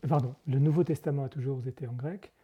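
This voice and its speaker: Speaking fast in a husky, mid-range voice with a steady tone, a male monk answers interview questions conversationally. The recording has its highs cut off. He explains carefully, hesitating and correcting himself often amid many fillers.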